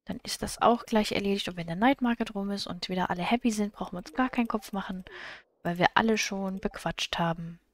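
A woman's voice: medium pitch, a little fast. A woman playing a farming game and chatting casually about her plans as she goes. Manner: chatty, comments on her plans and reads game text aloud. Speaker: let's play gamer.

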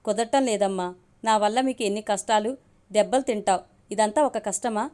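A woman's voice: mid-range voice, normal speed, a little mellow, smooth, close to an everyday voice. A woman voicing an earnest teenage daughter who speaks pleadingly, in an audio storybook. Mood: tearful. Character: teenage daughter, tearful and determined.

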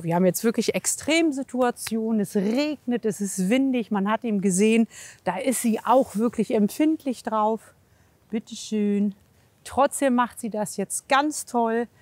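Speaking at a medium pitch with a slightly mellow quality and no echo, a woman gives an informal hands-on demonstration outside. She is a horse physiotherapist and trainer at a horse yard in wind and rain, explaining her work and coaxing with quick, repeated words of reassurance.

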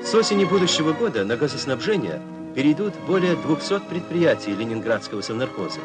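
A newsreel narrator gives a formal, declamatory announcer-style voice-over for an old newsreel, with newsreel music underneath. His voice is a little high, fairly quick, and swings widely in pitch.

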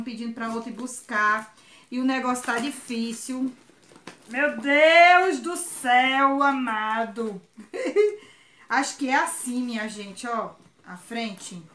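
Bright high-voiced Ceará woman vlogging. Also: normal speed, echoey room, slight background noise. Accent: Northeastern Brazilian (Ceará). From Ceará, Brazil. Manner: effusive, chatty, often exclaiming. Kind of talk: excited unboxing vlog.

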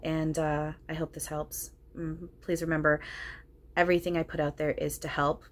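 A woman in her thirties, a spirit medium, chatting to viewers in an informal, earnest and halting way. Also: low-pitched, flat delivery. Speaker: spirit medium and video host. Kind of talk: casual vlog chat. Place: home living room. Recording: noticeable background room noise.

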